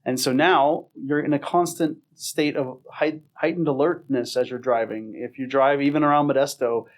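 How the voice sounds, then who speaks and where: A man's voice: mid-range voice, steady tone, moderate pace. A middle-aged man co-hosting a podcast in casual chat, joking wryly at his own expense. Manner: wry, self-mocking joker. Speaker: podcast co-host.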